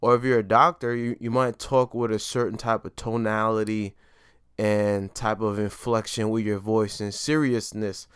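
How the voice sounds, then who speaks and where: Stressing key words emphatically, the New York podcast host delivers his solo motivational talk casually, often asking "right?" or "you know what I mean?" His voice is fairly low with little pitch movement and a clean tone, at normal speed, in clean studio sound without echo.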